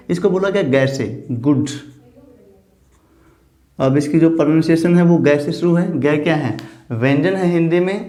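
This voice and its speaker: A man's voice: on the high side, darkish tone. A male English teacher giving a classroom grammar lesson, spelling out words letter by letter and often checking in with "theek hai". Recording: echoey room.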